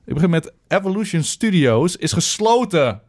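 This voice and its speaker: A man's voice: a little high, big pitch swings, moderate pace, darkish tone. Upbeat male podcast host. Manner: upbeat, hesitant fillers, playful cheering. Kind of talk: casual gaming podcast chat.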